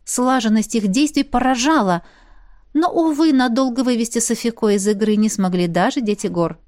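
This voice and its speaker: A woman reading a first-person fantasy audiobook in a lively, expressive way. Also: a little high, moderate pace, no room sound, clean studio sound. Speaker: audiobook narrator.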